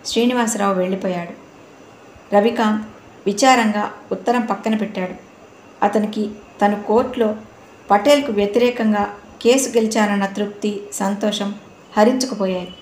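A woman's voice: mid-range voice, fairly even intonation, normal speed, pauses often, a little mellow. Woman narrating a novel in a roomy room. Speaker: audiobook narrator. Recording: roomy room, faint noise.

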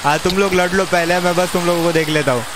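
A young man talking casually on a live game stream, excitable, joking and pleading with the other players. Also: sits high, fast talker, background noise. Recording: game music playing behind the voice.

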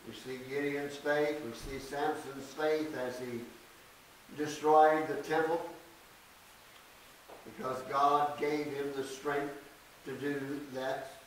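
An older man preaching a sermon at a church podium, reading scripture slowly and deliberately with emphatic stresses. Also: a little high, flat delivery. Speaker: pastor. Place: small church sanctuary. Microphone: podium mic from a distance. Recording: echoey church, distant mic, faint hiss.

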